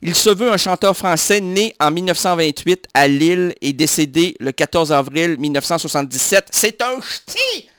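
A man's voice: a little high, brisk, few pauses, a bit bright, smooth, no room sound, clean studio sound. A man hosting a radio show in a playful, joking, chatty way. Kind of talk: casual radio chat.

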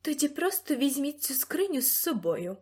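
A woman's voice: high-pitched, big pitch swings, moderate pace, darkish tone, voice pushed up. A woman voicing an imperious elderly grandmother who speaks in a cold, commanding tone.

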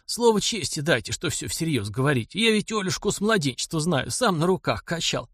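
A man's voice: fairly high pitch, big pitch swings, brisk, a bit bright, slightly rough, no echo, studio quality, pitched above the performer's own voice, heavily acted. A man voicing a frail, tearful old male servant who speaks humbly in a quavering, rattling voice. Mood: pleading. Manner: pleading and humble.

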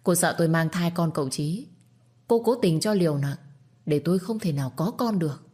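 A woman's voice: lowish voice, lively intonation, fairly quick, a little mellow, breathy edge. A woman voicing a cool, cutting young wife. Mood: cold cutting. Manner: cold, cutting, firm. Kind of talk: storytelling with acted dialogue.

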